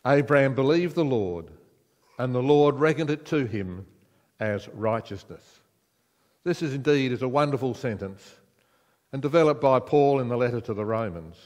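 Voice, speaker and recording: A man's voice: medium pitch, lively intonation, moderate pace, darkish tone. An older man with an Australian accent preaching a sermon in a conversational way, putting questions to the congregation. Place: church sanctuary, indoors. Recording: long church reverb.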